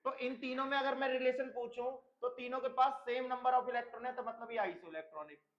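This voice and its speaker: A man's voice: very high-pitched, fairly even intonation, moderate pace, muffled recording. A man teaching a chemistry class in a stern lecturing manner, mixing English terms into his speech. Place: coaching classroom.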